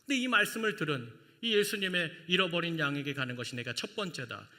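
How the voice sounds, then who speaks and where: Bright, animated male pastor preaching. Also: a little high, fast. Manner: emphatic, asking rhetorical questions. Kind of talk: sermon. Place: church sanctuary. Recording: long church reverb.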